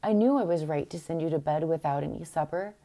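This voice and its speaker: A woman reads the part of a stern queen from a fairy tale. Her lines come out prim and reproving, in a low, mellow voice. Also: quick pace.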